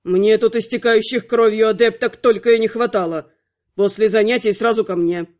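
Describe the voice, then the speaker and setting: Lady doing a curt cold necromancer guy, lower than her own voice, irritated, audiobook. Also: fairly even intonation, normal speed, darkish tone, close to an everyday voice. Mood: irritated stern. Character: stern cold male necromancer magister. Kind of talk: audiobook narration.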